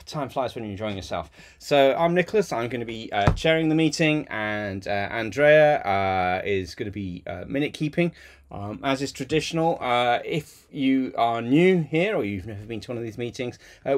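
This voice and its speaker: A man's voice: medium pitch, sing-song, normal speed. Man chairing a chatty video call. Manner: chatty, many fillers. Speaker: meeting chair.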